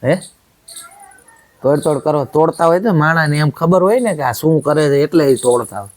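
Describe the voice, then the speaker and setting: A man's voice: on the high side, brisk. Man, angry husband in a home drama, scolding and accusatory, keeps demanding "right?".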